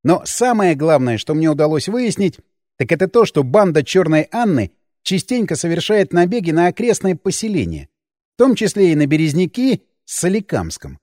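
Мужской голос, рассказ от первого лица, резкий циничный тон, довольно высокий голос. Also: male voice, a little high, big pitch swings, normal speed, dark tone, no room sound, clean studio sound. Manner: cool, cynical and blunt in dialogue. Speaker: audiobook narrator. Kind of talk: first-person scripted narration.

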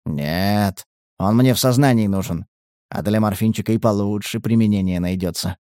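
A man's voice: on the low side, moderate pace, dark tone, no room sound, pitched below the performer's own voice, lightly acted. A man voicing a cruel, mocking male hunter who interrogates a prisoner in a dry-sounding audiobook. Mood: cold. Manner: sneering, taunting.

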